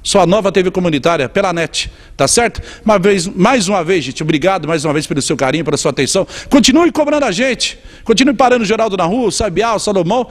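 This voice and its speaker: A man hosting a community TV program, interviewing a guest and signing off in a lively presenter manner. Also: sits high, fast, few pauses, big-room sound. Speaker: TV show host. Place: community TV studio.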